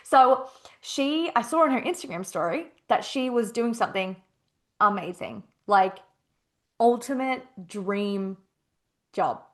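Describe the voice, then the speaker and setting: A young adult woman hosts a casual solo podcast as a coach, speaking slowly in a slightly high voice. She is emphatic and expressive, repeats phrases and swears freely.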